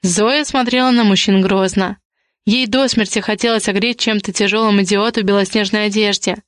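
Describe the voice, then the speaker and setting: A woman reading a novel aloud as an audiobook narrator, in steady storytelling. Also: medium pitch, no echo, clean studio sound.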